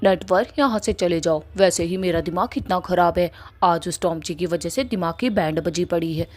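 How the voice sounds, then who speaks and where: Woman voicing a feisty, sharp-tongued young woman. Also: on the low side, normal speed, lightly acted. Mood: angry. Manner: blunt, scolding, threatening.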